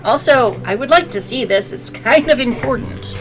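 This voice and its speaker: A woman's voice: fairly high pitch, expressive, normal speed, rough recording. A woman hosting a let's play, reading game narration aloud with playful, sassy commentary. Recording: faint game music behind. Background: game music.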